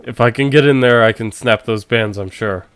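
A man's voice: medium pitch, moderate pace, a bit bright, voice pushed down, lightly acted. A man voicing a cautious, protective male thief in a game, worried and urging his partner.

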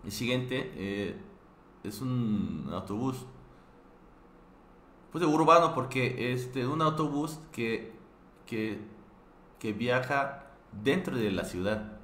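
A man's voice: medium pitch, expressive, fairly bright tone. A man from Korea, teaching a live online language class, patiently repeating words with frequent restarts and fillers. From South Korea. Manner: patient, repeats each word slowly several times. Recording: echoey room with faint background noise.

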